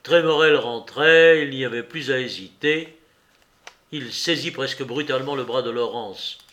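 A man narrating a classic novel audiobook in a measured, dramatic storytelling manner. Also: mid-range voice, a bit bright, lo-fi sound.

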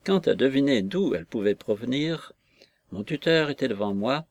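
A man narrating an audiobook of a classic novel, measured and expressive. His voice sits in an ordinary middle register, recorded close and dry with no room sound. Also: mid-range voice, no echo. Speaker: reader.

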